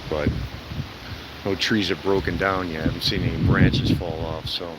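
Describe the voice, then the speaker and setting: A man's voice: deep voice, level tone, normal speed. A man giving casual, enthusiastic live commentary on a storm from outdoors in a yard. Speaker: amateur storm watcher livestreaming. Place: outdoors in a yard at night during hurricane winds. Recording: loud wind buffeting the microphone, rustling leaves. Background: strong gusting wind, rustling trees.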